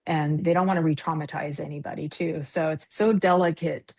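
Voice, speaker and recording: A woman with a low voice and a gravelly edge talks earnestly as a guest medium. She is reflective, and she laughs easily between her thoughts. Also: steady tone, brisk, a little mellow. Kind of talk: casual podcast conversation.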